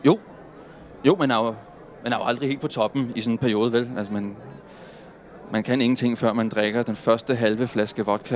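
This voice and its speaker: En stammende, rastløs mand i trediverne, der kæmper med fortiden efter sit drukkeri, spillet af en skuespiller. Han gentager ordene og taler i løse brudstykker, og hans stemme ligger i et helt almindeligt mellemleje. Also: male voice, mid-range voice, a little mellow, natural voice. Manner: stammering, repeating words, rambling. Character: haunted man in his thirties recovering from heavy drinking, restless. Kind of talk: film drama acting.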